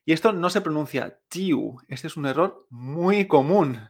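A young man teaching Chinese pronunciation in Spanish, explaining slowly, repeating sounds and adding a checking "eh?". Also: on the high side. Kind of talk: pronunciation lesson.

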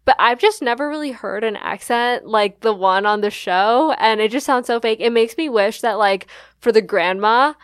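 A woman's voice: fairly high pitch, normal speed, dry recording. A young woman co-hosting a casual podcast. She talks frankly and chattily, and fills her sentences with "like" and "you know". The recording is dry and close. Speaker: podcast co-host. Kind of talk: casual chat.

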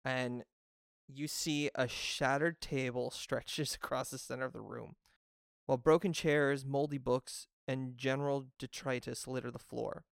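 A man's voice: medium pitch, steady tone, unhurried, gravelly, no room sound. A man narrating a tabletop game as game master. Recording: dry, with faint music behind. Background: faint music.

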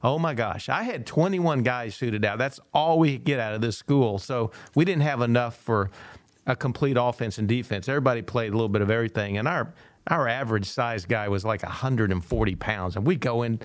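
A middle-aged man tells a story in an animated way, acting out the voices of the people in it and laughing often. His voice sits at an ordinary pitch for a man. The sound is dry and close, with no room echo. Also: fairly quick. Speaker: speaker and former football coach. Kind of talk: storytelling in a podcast conversation.

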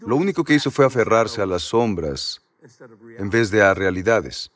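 A man's voice: on the low side, animated, normal speed. A man preaching a sermon, telling personal stories, acting out quoted voices and asking the audience rhetorical questions.

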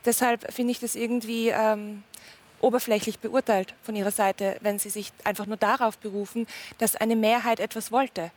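Persistent higher-voiced woman debating. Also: level tone, moderate pace. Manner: persistent, cuts in to make her point. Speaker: panel guest. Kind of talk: heated TV panel debate.

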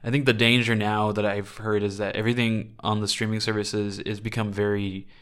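A man's voice: fairly low pitch, fairly quick, smooth. A man co-hosting a podcast, chatting casually and sharing trivia he has read. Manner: relaxed, conversational, cites trivia he read. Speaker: podcast co-host. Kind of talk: casual chat.

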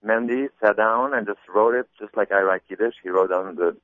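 Halting low-voiced man on a phone line. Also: dry recording. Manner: hesitant, many restarts and repeated words. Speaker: comedy album artist. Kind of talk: casual interview talk. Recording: muffled phone-line sound.

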